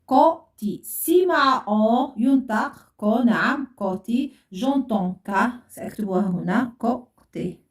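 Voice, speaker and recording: Lady teacher going slow, repeats every sound, highish voice, echoey room, sits back from the mic. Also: expressive, recorded from a distance. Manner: patient, repeats and spells out sounds for pupils. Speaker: French teacher. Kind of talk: classroom lesson.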